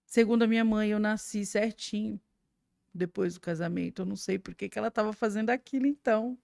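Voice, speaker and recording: A woman with a Brazilian Portuguese accent tells an emotional personal testimony as a guest, her voice at a middle pitch. She paints scenes vividly, dropping to a hush and then rising loud again. The sound is dry and close, with little room around it. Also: a little fast, gravelly, no room sound. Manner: vivid storytelling, swinging between hushed and loud.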